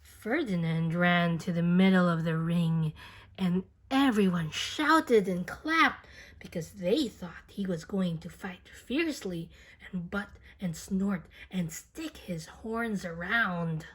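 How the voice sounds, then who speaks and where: Slow-paced woman reading a children's story. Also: lowish voice, breathy edge. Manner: unhurried, addresses the young listener with questions. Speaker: storyteller reading a children's picture book aloud. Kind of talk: expressive children's read-aloud narration.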